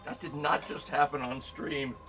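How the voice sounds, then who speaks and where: A man's voice: on the high side, steady tone, normal speed. A man chatting casually on a game stream, playful and joking, laughing often. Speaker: streamer co-host. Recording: music playing behind the voice.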